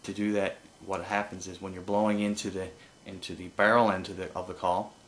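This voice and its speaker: A man giving an informal hands-on tutorial as an instructor, explaining haltingly with pauses and no script. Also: sits low, flat delivery, a bit bright, a little hiss or hum. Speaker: duck-calling instructor.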